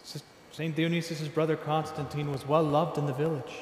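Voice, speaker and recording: Priest guy preaching slow and earnest, big church, lots of reverb, a bit far off. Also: fairly high pitch, little pitch movement, slight background noise. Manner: measured, earnest preaching with slow emphatic phrases. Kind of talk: sermon. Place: large church, indoors. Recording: echoey church hall from a distance.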